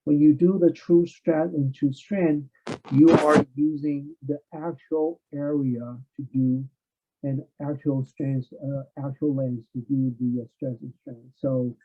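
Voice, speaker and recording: A man's voice: on the high side, flat delivery, takes it slowly, a little hiss or hum. A male professor giving an online lecture review, his voice muffled as if heard through a wall because something covers his mic, speaking hesitantly with many fillers.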